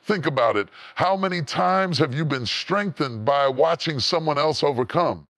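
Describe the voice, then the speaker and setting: A man speaks as a motivational speaker in a somewhat high-pitched voice, recorded dry and close. His delivery is a scripted, earnest address with emphatic, preacher-like repetition that builds phrase by phrase. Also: lively intonation, moderate pace, a bit bright, no room sound.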